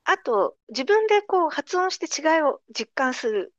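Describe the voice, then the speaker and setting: Lively, patient woman teaching pronunciation. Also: high voice, unhurried, no echo. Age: middle-aged. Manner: patient, explanatory, lively intonation. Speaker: language teacher. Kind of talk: explaining pronunciation in a casual conversation. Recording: dry, dull lo-fi sound.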